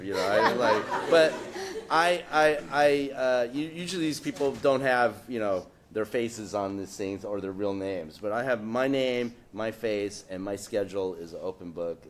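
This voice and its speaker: On a live panel in an event space with an audience, a political cartoonist talks at a moderate pace in a voice on the low side, with few pauses. It's casual panel chat that rambles, with many fillers, restarts, and frequent jokes.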